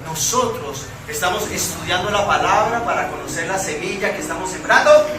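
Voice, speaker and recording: A man's voice: sits high, fairly quick, heavy reverb, recorded from a distance, over music, poor audio. A man with a Colombian accent preaching a sermon as pastor, putting rhetorical questions to the congregation.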